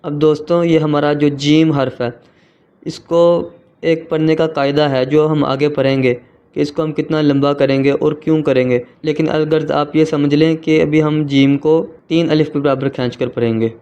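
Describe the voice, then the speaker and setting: A man's voice: a little high, flat delivery, darkish tone, clear, resonant tone, highs cut off. Patient Urdu-speaking man teaching letters. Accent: Pakistani Urdu. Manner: slow, patient, drawn-out letter sounds. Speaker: Quran reading teacher. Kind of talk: tutorial.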